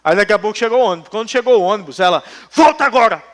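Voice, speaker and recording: A man preaches in a church, his voice pitched high. He keeps the sermon light with jokey stories and acts out the voices of the people he quotes. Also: very fast. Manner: joking storytelling, acts out quotes. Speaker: pastor. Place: church hall.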